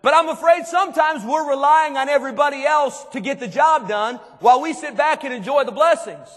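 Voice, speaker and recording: A man preaching a sermon to a youth conference, emphatic, dropping low and quiet and then rising to shouts. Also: brisk. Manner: emphatic, swings between hushed and shouted. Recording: long hall reverb.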